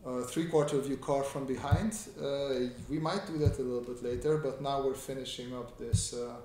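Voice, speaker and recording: Hosting a drawing livestream from a small room at home, this illustrator chats casually, reading viewer questions aloud and answering them. His mid-range voice is warm, with fairly even intonation and a normal speed. A desk mic on an improvised stand picks up a roomy echo and faint background noise.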